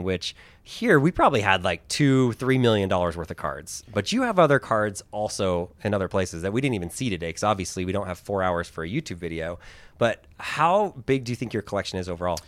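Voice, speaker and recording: A man hosting a casual interview, telling stories with lively acted-out quotes. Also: on the low side, brisk, no room sound. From Philippines. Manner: animated storyteller, acts out quotes. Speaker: host.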